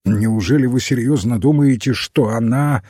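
A man doing an excitable young gentleman. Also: medium pitch, moderate pace, breathy edge, dry recording, studio quality, close to an everyday voice. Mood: eager. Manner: eager, agitated.

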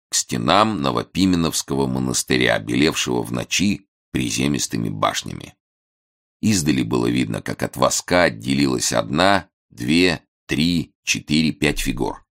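A man reads a novel aloud as audiobook narration. His voice is extremely deep and gravelly, with lots of fry. He tells the story in an even, measured way.

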